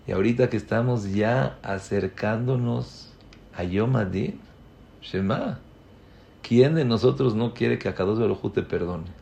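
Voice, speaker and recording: A man giving a Torah lecture as a rabbi, building to loud emphatic peaks and acting out the people he quotes. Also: on the low side, a little slow, creaky, slight background noise.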